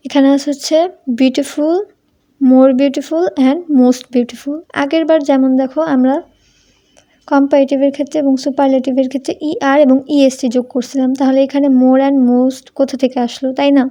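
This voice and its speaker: A woman's voice: sits high, level tone, moderate pace, warm tone. A young woman teaching English grammar to students, asking them questions and answering them herself. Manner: addresses students informally as tumi. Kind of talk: Bengali-language grammar lesson.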